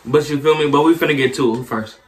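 A man's voice: a little high, fast talker, far from the mic. A young man hosting his channel, joking in casual slang and often asking "you feel me". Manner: slangy, playful, keeps saying "you feel me". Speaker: channel host. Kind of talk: casual video chat. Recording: roomy echo, away from the mic.

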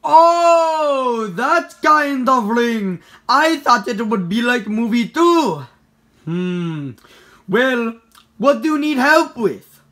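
A brash male golden animatronic bear, as a performer puts him on in a homemade puppet skit. He talks loud and high and sounds pushy. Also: lively intonation, very slow.

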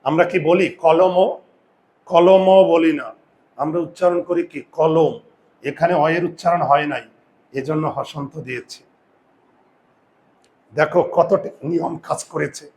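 A man teaches a class, firing questions at his students. He drags out sounds slowly to demonstrate them. His voice sits a little higher than most men's. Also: steady tone. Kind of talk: classroom lesson.

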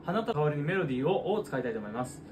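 A man's voice: a little high, big pitch swings, rapid-fire. A man teaching as a voice trainer, explaining vocal technique and breaking into short sung demonstrations. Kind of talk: singing lesson explanation. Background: guitar music.

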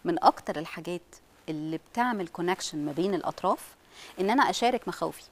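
A woman with an Egyptian Arabic accent speaking as a parenting specialist on a studio talk show, animated and acting out what parents say. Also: on the low side, racing.

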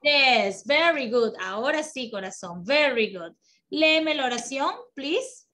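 Slow, high-voiced woman teaching kids online. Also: animated, sharp tone. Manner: encouraging, slow, mixes English and Spanish. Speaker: English teacher. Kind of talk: online children's class. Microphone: video call.

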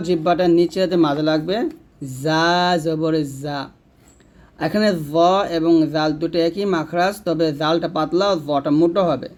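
Guy teaching quran letter sounds, slightly high voice, drags out the drills then rattles off the how-to. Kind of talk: pronunciation lesson.

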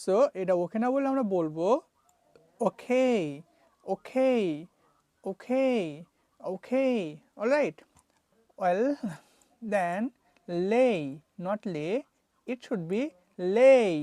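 A woman's voice: medium pitch, a little mellow, no room sound. A woman teaching English pronunciation, repeating each word several times as a drill. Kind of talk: classroom lesson mixing English and Bengali.

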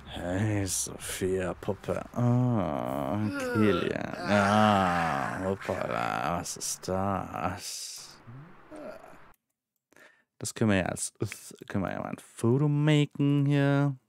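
Casual let's player, male, slow gravelly delivery, low-ish voice, keeps talking to his characters. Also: animated. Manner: chatty, talks to his game characters. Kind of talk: casual gameplay commentary.

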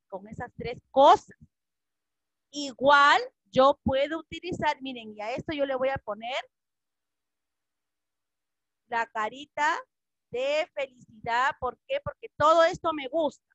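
A woman's voice: sits high, a little slow, pauses often, a bit bright, no echo, lo-fi sound. A woman teaching English to children, patiently repeating each phrase and translating it. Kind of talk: classroom lesson for children.

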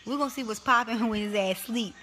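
A woman's voice: fairly high pitch, fast talker, sharp tone, a little hiss or hum. A woman with a Baltimore accent chatting casually on a phone livestream from bed, teasing and cursing as she talks to her viewers. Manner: teasing, profane, addresses viewers. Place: bedroom, in bed.

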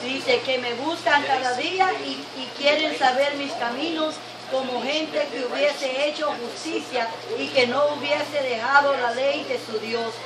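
A woman's voice: sits high, fairly even intonation, a little slow, noisy background. A woman in the congregation reading a scripture passage aloud. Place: church sanctuary. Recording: echoey church with congregation around, from far off.

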